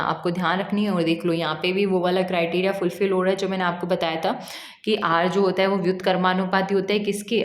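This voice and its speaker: A woman chemistry teacher with a Rajasthani Hindi accent, explaining a lesson step by step in a chatty way and teasing her students. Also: lowish voice. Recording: echoey room.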